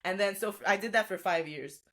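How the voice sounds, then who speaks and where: A woman who works as a life coach appears as a podcast guest, telling her story in a reflective, chatty way and laughing often during the casual interview. Her voice is medium in pitch, a bit bright, and a little fast.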